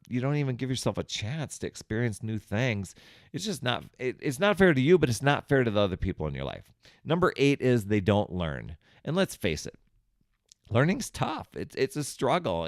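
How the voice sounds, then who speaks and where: Speaking in a fairly low pitch, a man hosts a self-help show, chatting straight to the listener as an upbeat coach would. The sound is clean and studio-grade, free of echo.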